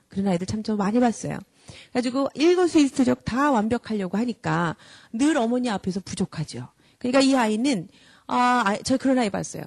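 A woman's voice: a little high, no echo. A woman who heads a character school, giving an earnest, direct lecture to parents and acting out scolding parents as she goes. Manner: acts out scolding parents in lively mimicry.

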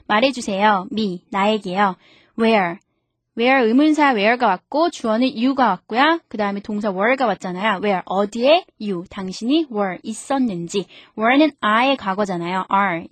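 A woman presenting a radio English lesson, explaining grammar in a friendly tone and slowing down to read example sentences aloud. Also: mid-range voice, no echo. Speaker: English teacher on a radio program. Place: radio studio. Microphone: studio microphone.

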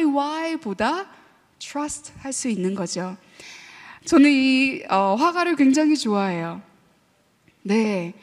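A woman professor giving a lively sermon-style talk to a church audience, mixing English phrases into her speech and asking the audience questions. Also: high-pitched. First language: Korean heritage, also fluent in English. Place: church hall. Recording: long reverb of a large hall.

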